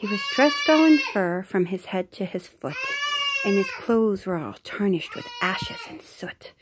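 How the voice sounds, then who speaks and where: A woman's voice: mid-range voice, very animated, a little slow, very noisy. Mother reading a storybook aloud. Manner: gentle, with soft whispered asides.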